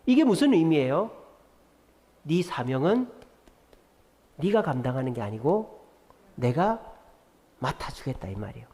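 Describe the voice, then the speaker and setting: A man pastor preaching a Friday prayer-meeting sermon, lively and expressive, acting out quoted lines. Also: a little high, gravelly. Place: church sanctuary. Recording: reverberant church hall.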